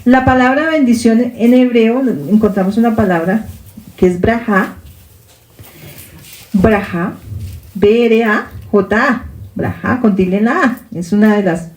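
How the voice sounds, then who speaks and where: A woman's voice: a little high, normal speed, a little mellow. Woman teaching scripture, echoey room. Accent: Colombian Spanish. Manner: checks in with listeners by asking questions. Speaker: Bible teacher. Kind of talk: congregational Bible teaching.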